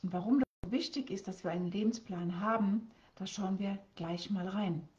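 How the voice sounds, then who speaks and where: A woman's voice: mid-range voice, dull audio. A woman speaking as a life coach on a live stream, asking viewers lots of questions and often repeating words and restarting her sentences.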